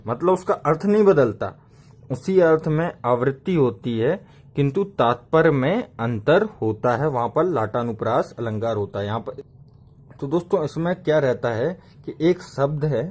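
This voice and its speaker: A man teaching an exam-prep grammar lesson, often checking in with a rising "okay?". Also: a little mellow. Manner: repeats "ठीक है" with a rising pitch to check the class is following.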